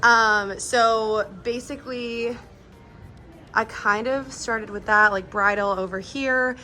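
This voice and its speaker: Female vlogger, bright forward tone, informal chatty store-tour delivery. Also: fairly high pitch, steady tone, takes it slowly, soft background music. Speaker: vlogger and boutique owner. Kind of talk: casual vlog tour narration. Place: indoors in store units.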